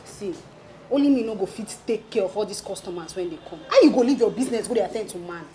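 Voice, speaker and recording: A woman's voice: mid-range voice, lively intonation, fast, dark tone, a little hiss or hum, lightly acted. An actress playing a worried young woman coworker who is protective of her friend, speaking Nigerian Pidgin. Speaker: shop coworker. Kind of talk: Nollywood film acting.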